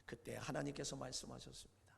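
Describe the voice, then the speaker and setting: A man pastor preaching a Sunday sermon, retelling scripture dramatically with acted quotes, moving between loud outbursts and low hushed lines. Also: fairly even intonation, quick pace, vocal fry, breathy edge, long reverb tail. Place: church sanctuary.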